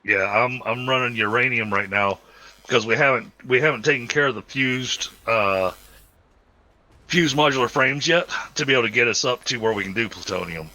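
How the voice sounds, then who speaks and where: A man from the Southern United States, with a Southern American accent, hosts a multiplayer game as a streamer, chatting casually while he plays. He is easygoing and gives long, rambling explanations full of fillers. His mid-range voice moves at normal speed with a sharp tone, and the audio is poor.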